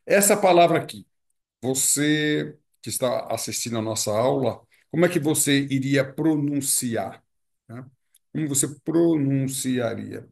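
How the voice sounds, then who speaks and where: A man with a Brazilian Portuguese accent teaches pronunciation in an online lesson, his mid-pitched voice carrying a gravelly edge. He explains step by step, repeating the key words and often checking in with tag questions.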